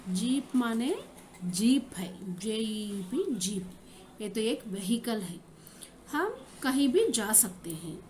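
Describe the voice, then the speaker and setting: A woman Hindi teacher with an Indian accent, giving a recorded lesson to children and repeating each word slowly and carefully for her pupils. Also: on the high side, slight background noise.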